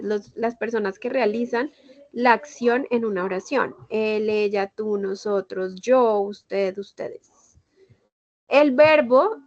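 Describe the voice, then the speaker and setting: A woman's voice: on the high side, no room sound. A woman English teacher explaining step by step in an online class, giving examples in Spanish and English. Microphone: video call. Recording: dull lo-fi video call audio.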